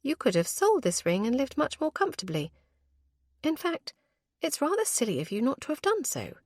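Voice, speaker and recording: A woman voicing a spirited young newlywed gentlewoman, playful and arch in her teasing. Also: high-pitched, sing-song, no room sound, pitched above the performer's own voice. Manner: playful, arch, quick to tease.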